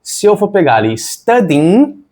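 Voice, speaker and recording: A man's voice: high-pitched, big pitch swings, a little slow, warm tone. A man, an English teacher explaining spelling rules step by step and spelling words out letter by letter. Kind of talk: online language lesson.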